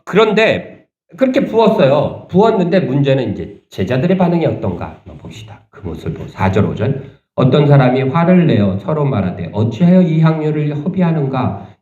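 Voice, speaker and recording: A man preaching a sermon as pastor, talking conversationally and asking the congregation rhetorical questions, turning animated and indignant at points. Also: medium pitch, roomy sound, lo-fi sound. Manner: animated, rising sharply when voicing indignation. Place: church sanctuary.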